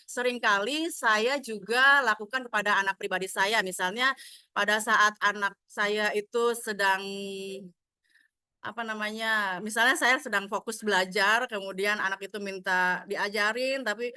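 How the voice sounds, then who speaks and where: A woman teacher walks her colleagues through a training module, speaking straight to them and slipping into the scolding voices of parents and children. Her voice is crisp and bright, and it sits a little high. The sound is close and dry, with no room around it. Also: moderate pace, dry recording. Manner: acts out quoted scolding lines from parents and children; explanatory, addresses listeners directly.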